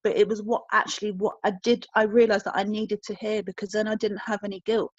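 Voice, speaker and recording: A woman's voice: medium pitch, little pitch movement, brisk, dry recording. Woman, interview guest, candid, reflective, dry close audio, slightly muffled lo-fi sound. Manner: candid, reflective, searching for words. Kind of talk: emotional personal story in conversation.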